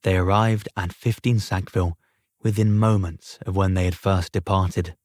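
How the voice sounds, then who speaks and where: A man narrates an audiobook in a measured, even storytelling manner. His voice sits on the low side, and the recording is dry and close, with no room sound. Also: no room sound. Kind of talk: scripted narration.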